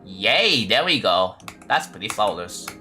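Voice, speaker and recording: With an Indonesian accent, a man chats casually to his livestream viewers while building a game level, thinking aloud with many fillers and restarts. His fairly low voice swings widely in pitch, a little slow, bright and forceful. Faint music plays behind him.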